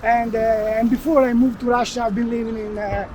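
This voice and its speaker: A man's voice: very high voice, steady tone, darkish tone, a little hiss or hum. Italian guy speaking english, keeps restarting and hunting for words, chatting outside in a park. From Italy. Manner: halting, searches for words, frequent restarts. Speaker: guest, expat blogger. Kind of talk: casual interview while walking. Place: outdoors in a city park.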